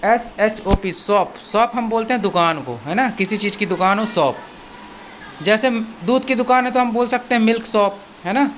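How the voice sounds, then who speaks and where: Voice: mid-range voice, slight background noise. Patient teacher spelling words aloud. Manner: spells words out letter by letter, then repeats and translates them; patient and repetitive, often checks in with "theek hai". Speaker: English teacher. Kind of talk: language lesson explained in Hindi.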